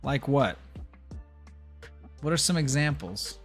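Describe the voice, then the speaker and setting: A man's voice: medium pitch, lively intonation, takes it slowly, soft background music. Blunt, profane gaming streamer man. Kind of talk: casual livestream chat while gaming.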